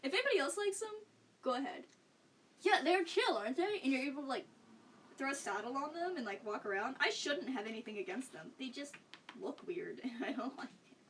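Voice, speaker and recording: A woman's voice: high-pitched, sing-song, brisk. Chatty young woman, a bit off-mic. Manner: rambling, chatty, laughs often. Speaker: livestreamer. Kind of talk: casual chat with stream viewers. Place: home room. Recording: slightly distant mic, faint background noise.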